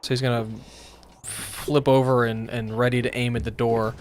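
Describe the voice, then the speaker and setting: A man's voice: medium pitch, little pitch movement, normal speed. A man chatting casually as a player in a tabletop role-playing game. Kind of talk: casual chat. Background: background music.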